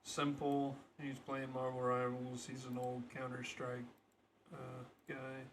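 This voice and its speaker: A young man co-hosting a casual podcast, talking at a middling pitch. He muses loosely and leans on fillers. A faint hum of room noise sits under his voice. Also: takes it slowly, poor audio. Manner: relaxed, filler-heavy musing. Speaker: podcast co-host. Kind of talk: casual chat.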